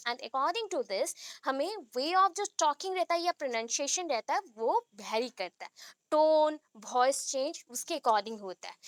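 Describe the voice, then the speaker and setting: A woman's voice: high-pitched, no room sound. A woman teacher giving a class over a video call, explaining step by step and often checking whether the students follow. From India. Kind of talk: online class lecture.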